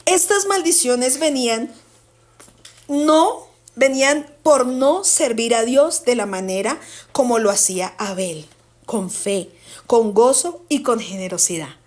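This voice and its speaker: A woman teaching a Bible study to her congregation, asking the group questions and slowing down on key words for emphasis. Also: fairly high pitch, lively intonation, darkish tone. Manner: asks the group questions and repeats answers.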